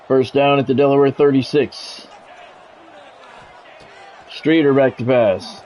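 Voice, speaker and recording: Here a man gives live play-by-play for a football video game, slow and a little mellow, his mid-range voice keeping fairly even intonation. He uses terse announcer phrasing broken up by candid asides, recorded through a dull, lo-fi mic carrying faint background noise.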